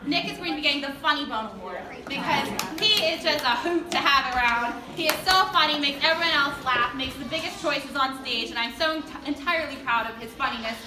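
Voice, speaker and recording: Presenting student awards to parents in an indoor performance space, a drama club teacher gushes in a high, slightly fast voice with hardly any pauses. Her speech is informal and colloquial. The distant mic is noisy and the room echoes.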